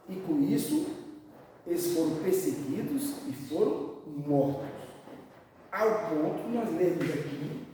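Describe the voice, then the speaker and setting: A man's voice: a little high, slight background noise. Emphatic man preaching in a hall. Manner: preaching with emphatic swings in loudness and pace. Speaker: teacher. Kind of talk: sermon-style Bible lesson. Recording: roomy hall, far from mic.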